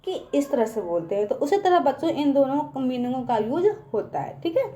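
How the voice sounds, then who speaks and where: A woman's voice: sits high, animated, brisk, dark tone. A woman teaching young children in a patient online lesson, asking them questions and repeating herself often.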